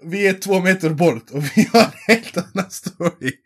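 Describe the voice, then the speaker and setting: High, husky man with a lively voice. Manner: lively, laughs often while telling. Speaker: co-storyteller. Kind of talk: casual chat.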